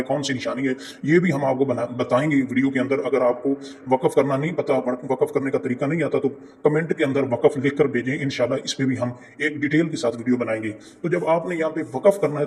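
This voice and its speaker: A man teaching Quran reading step by step, spelling out letters and vowel marks slowly and repeating words patiently. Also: mid-range voice, darkish tone. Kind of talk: step-by-step lesson.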